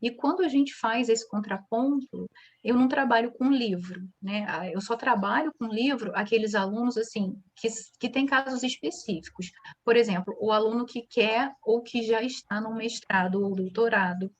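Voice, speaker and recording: A woman's voice: on the high side, normal speed. A woman from Brazil, an English teacher, answering interview questions in a chatty way, explaining with examples.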